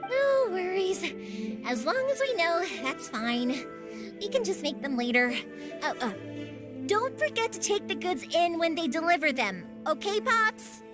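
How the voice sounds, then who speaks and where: An actress playing a warm-hearted, chatty young woman in a video game, energetic and friendly. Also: extremely high pitch, unhurried, exaggerated voice. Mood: fond, chatty. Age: young adult. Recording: music behind.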